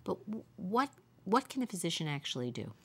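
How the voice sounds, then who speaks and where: A woman's voice: on the low side, very animated, fairly quick, breathy edge. A woman hosting an interview, asking long, searching questions. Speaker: interviewer host.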